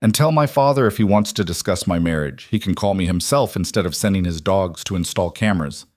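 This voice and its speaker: A man's voice: sits low, lively intonation, fairly quick, a little mellow, dry recording, clean studio sound. A man reading the lines of a young mafia boss husband, tense, clipped and firm. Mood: furious.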